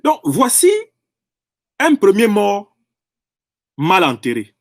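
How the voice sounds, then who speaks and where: A man's voice: high voice, wildly swooping pitch, slow, no room sound, clean studio sound. A man delivering an impassioned political monologue in French, emphatic and professorial, often repeating and rephrasing phrases to drive a point home. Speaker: political commentator.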